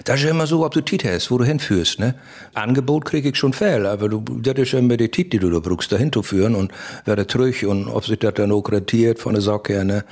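A man with a Mecklenburg Low German accent, a film extra telling anecdotes as a guest in casual radio chat, often ending with "ne?". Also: fast talker, darkish tone. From Wismar, Germany.

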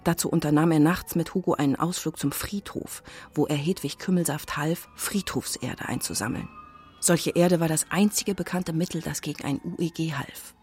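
Faint music plays behind a woman whose deep, darkish voice stays close to everyday speech at a moderate pace. She narrates a children's radio play as a nosy, gossipy neighbour, confiding and building suspense.

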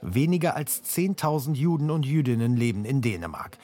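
A man narrating a scripted TV news report in a measured, factual manner. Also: medium pitch, sing-song, mellow.

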